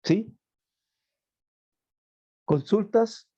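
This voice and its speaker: A man's voice: high-pitched, drawn-out words, dark tone, slightly rough. A man teaching a chemistry class online, explaining step by step and checking in with his students. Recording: tinny phone-like line.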